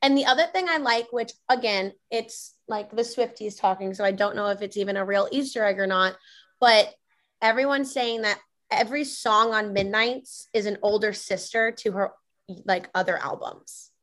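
A woman's voice: mid-range voice, normal speed, a bit bright. A woman speaking casually as a guest on a podcast, over a video call. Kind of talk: casual fan chat.

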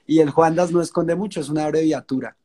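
A young Colombian man with a Colombian Spanish accent, a singer-songwriter chatting in an interview and telling relaxed stories. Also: a little high, quick pace. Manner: relaxed, storytelling, uses fillers like pues. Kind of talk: casual interview chat.

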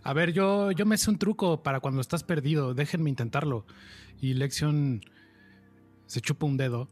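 A man's voice: a little high, normal speed, soft background music. Man narrating his character in a tabletop game. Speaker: player. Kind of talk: casual tabletop chat.

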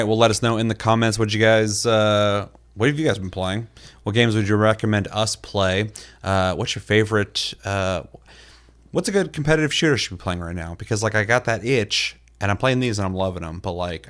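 A man's voice: fairly low pitch, a bit bright. A man co-hosting a gaming podcast, telling stories in a rambling, casual way full of fillers and the odd swear word. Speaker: podcast co-host.

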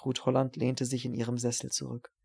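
A man reading a novel aloud as an audiobook narrator, in a measured, even storytelling voice. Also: medium pitch, creaky, husky.

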